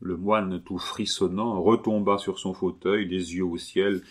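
A man reading a novel aloud in an even, unhurried way. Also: low voice. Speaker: audiobook reader. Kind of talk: audiobook narration.

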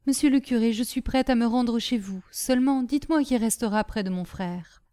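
A woman's voice: fairly high pitch, normal speed, natural voice. A woman reading a tearful, resigned young woman. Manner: quiet, resigned.

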